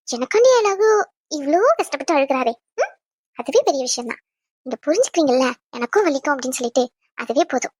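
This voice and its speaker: A woman's voice: high-pitched, dry recording. A young woman playing a caring pregnant wife in an audio drama, chatty, fussing and tender. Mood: tender, reassuring. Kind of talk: Tamil audio drama acting.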